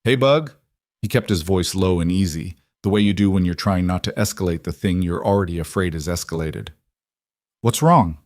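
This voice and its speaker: A man reading a scripted story in a calm, measured, soft-spoken way. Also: low voice, no echo, clean studio sound.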